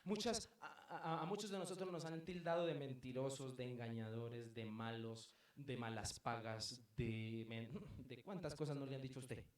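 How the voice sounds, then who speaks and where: A man's voice: mid-range voice, normal speed. Colombian man, pastor, emphatic sermon delivery with rhetorical questions; very reverberant church hall, distant mic. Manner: emphatic preaching with rhetorical questions, swinging between loud and soft. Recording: very echoey room, mic at a distance.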